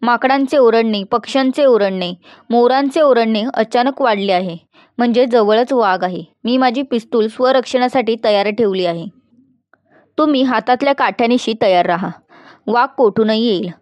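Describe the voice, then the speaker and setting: A woman voicing a calm, knowledgeable male forest guide who explains things steadily and firmly in an audiobook story. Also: on the high side, moderate pace, no echo, natural voice. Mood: informative.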